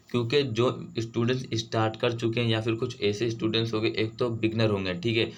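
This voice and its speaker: A man giving an online vocabulary lesson for exam prep. He switches between Hindi and English, reads the English words slowly, and keeps saying "theek hai" and "doston". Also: fairly low pitch, slight background noise. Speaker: vocabulary teacher.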